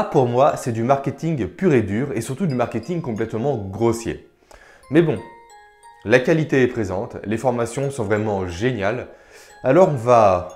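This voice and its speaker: A man's voice: mid-range voice, darkish tone. A man giving career advice in a casual vlog, chatting informally and directly to the viewer. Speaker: career coach vlogger.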